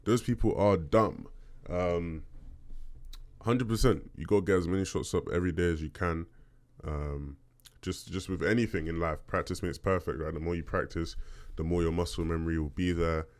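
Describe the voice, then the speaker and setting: A man with a deep bass voice hosting a podcast, casually answering listener questions and often checking in conversationally as he talks. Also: fairly even intonation, moderate pace, a little mellow. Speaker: podcast host.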